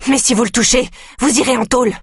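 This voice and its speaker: A man doing a young woman in an audiobook, defiant and desperate, cried out in a high, husky voice that climbs steeply. The reading is dry and close. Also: fairly even intonation, quick pace, dry recording, exaggerated voice. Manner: pleading, then defiant and shrill.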